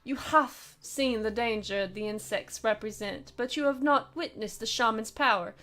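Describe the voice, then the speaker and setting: A woman's voice: a little high, sharp tone. Woman reading as a stern formal aide. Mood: grave. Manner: measured, grave, lecturing. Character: stern formal male dragon's aide, Brockus. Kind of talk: reading game dialogue aloud.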